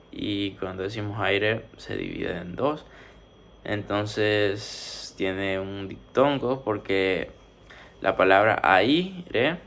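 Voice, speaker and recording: A man with a low, gravelly voice gives a methodical spoken grammar lesson. He works through numbered exercises and slows down to stretch out each syllable. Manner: steady explaining, drawn-out syllables. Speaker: teacher.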